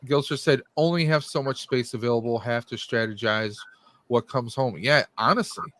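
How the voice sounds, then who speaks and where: A man's voice: normal speed, fairly bright tone. A man in casual chat as a co-host, his voice echoing back from a second device, blunt about prices. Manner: blunt, dismissive of high prices. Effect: echo from a second device. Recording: echoey remote call audio.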